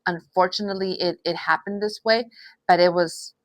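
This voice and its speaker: A woman with a slightly low voice gives a tarot reading in a halting, sympathetic way. She stumbles, repeats phrases and sighs between thoughts. The sound is dry and close, with little room echo. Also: fairly even intonation. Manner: hesitant, repeats phrases, many restarts; sighs often. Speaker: tarot reader.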